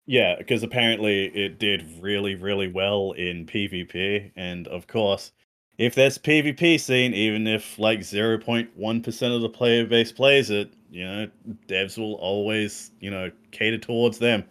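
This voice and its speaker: Laid-back co-host, low voice. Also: male voice, steady tone, unhurried, fairly bright tone. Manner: laid-back, rambling, filler-heavy. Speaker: podcast co-host. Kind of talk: casual podcast chat.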